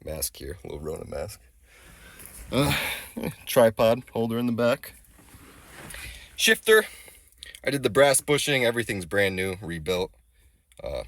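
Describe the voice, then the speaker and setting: Here a car vlogger in his thirties with a blocked-up head cold films himself on his phone, moving from a gravel driveway into his small car. He talks loosely and pokes fun at himself in a medium-pitched, slightly bright voice, and the recording is dry.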